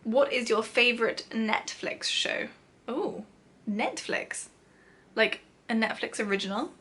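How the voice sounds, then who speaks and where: Her voice is on the high side and slow, bright and forceful, with lively intonation, as this young British vlogger answers questions casually to camera. She comes across giggly and self-deprecating.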